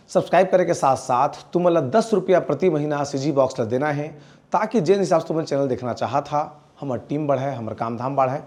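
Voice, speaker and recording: A man's voice: on the high side, darkish tone. A man with a Chhattisgarhi accent making a friendly, direct appeal to viewers for channel support. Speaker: channel promoter.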